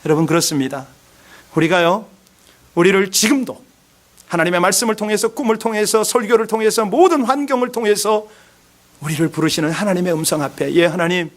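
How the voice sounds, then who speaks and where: High-voiced man preaching a sermon. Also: a little fast. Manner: emphatic preaching with rhetorical questions to the congregation. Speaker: pastor.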